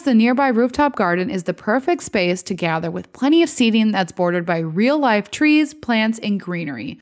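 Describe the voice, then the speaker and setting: A woman travel blogger giving an upbeat, scripted voice-over review, listing details with enthusiasm. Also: fairly high pitch.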